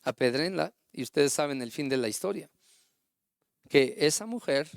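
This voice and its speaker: A man preaching a sermon, his voice a little higher than most and smooth and resonant. He retells stories with acted-out quotes and puts rhetorical questions to his listeners. The sound is close and dry, with little room echo. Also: expressive, moderate pace.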